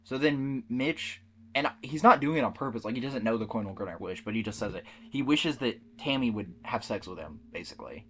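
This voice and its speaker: A man's voice: medium pitch, lively intonation, brisk, sharp tone, slight background noise. A man co-hosting a podcast, casually recapping a movie plot with lots of fillers and restarts. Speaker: podcast co-host.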